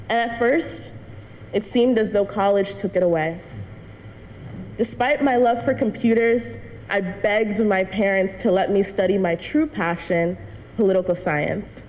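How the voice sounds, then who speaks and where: A young woman, a student, gives an earnest personal testimony to a church congregation, sharing her story with light laughs. Her voice is medium-pitched, unhurried and darkish. The church hall adds a long reverb and faint noise.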